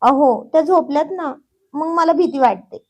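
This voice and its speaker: A woman's voice: high voice, moderate pace, lightly acted. A woman voicing a stubborn, clingy young woman who whines and pleads in a childish sing-song. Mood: pleading.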